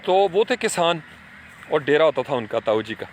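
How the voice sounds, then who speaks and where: A man's voice: on the high side, big pitch swings, a little hiss or hum. A middle-aged man telling childhood stories in an earnest, reflective talk, slipping in English words and speaking straight to his listeners.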